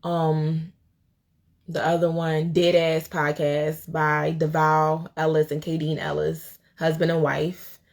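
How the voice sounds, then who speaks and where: A woman's voice: sits low, completely flat delivery, takes it slowly. A young woman hosting a live stream, chatting casually in a rambling way with many fillers and reading out viewer comments. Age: young adult. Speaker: host of a live show.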